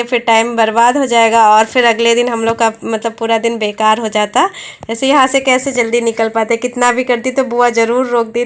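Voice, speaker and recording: A chatty woman in her thirties tells her family vlog straight to her viewers. Her voice sits a little high, easy and conversational throughout. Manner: chatty, addresses viewers as guys. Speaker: vlogger. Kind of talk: casual family vlog narration.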